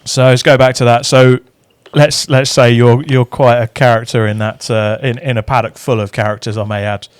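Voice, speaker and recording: A man's voice: medium pitch, level tone, normal speed, few pauses, clean tone, no room sound, studio quality. A British man hosting a casual interview, bantering easily with his guest. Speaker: podcast host.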